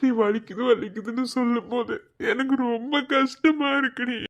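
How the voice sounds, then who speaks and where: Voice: medium pitch, moderate pace, highs cut off, close to an everyday voice. A voice actor playing a frightened young husband who anxiously begs his wife to avoid pain. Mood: pleading. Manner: pleading, anxious, tearful. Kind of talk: cartoon voice acting.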